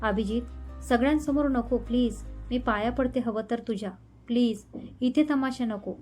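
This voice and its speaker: A woman's voice: a little high, normal speed, a little mellow, soft background music, lightly acted. A woman storyteller voicing a tearful young woman begging not to be shamed. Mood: pleading. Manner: pleading, tearful.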